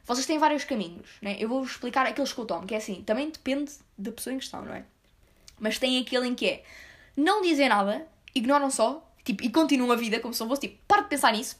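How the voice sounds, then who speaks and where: A woman with a European Portuguese accent talks straight to her viewers in a loose, slangy rant. Her voice sits a little high, and she rambles, then punches words hard. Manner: slangy, rambling, blunt, with sudden emphatic outbursts. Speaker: vlogger.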